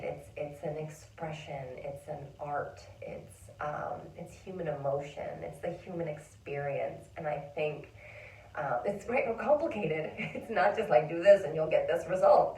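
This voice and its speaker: A woman's voice: sits low, creaky, warm tone, slight background noise. A woman in a reflective casual monologue, chatty and emotional, full of fillers and whispered inner thoughts. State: tearful at times. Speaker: vlogger and songwriter. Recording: roomy sound from a distance.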